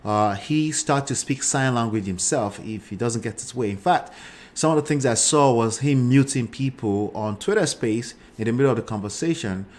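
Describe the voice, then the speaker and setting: A man in his forties with a Nigerian accent hosts a live show, offering casual commentary at a moderate pace in a mid-range voice. He often checks in with short tags like "right" and "okay."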